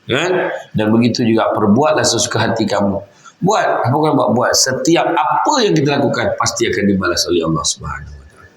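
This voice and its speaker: A man's voice: lowish voice, big pitch swings, a little fast, echoey room, rough recording. A man with a Malaysian Malay accent giving a religious lecture, telling stories with rhetorical asides to his listeners. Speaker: preacher. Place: lecture venue, indoors.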